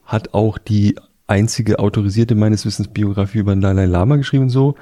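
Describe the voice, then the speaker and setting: A male podcast host with a low, mellow voice talks casually. He recommends things with real emphasis and enthusiasm, stressing his points hard. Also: steady tone, a little fast. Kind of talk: casual conversation.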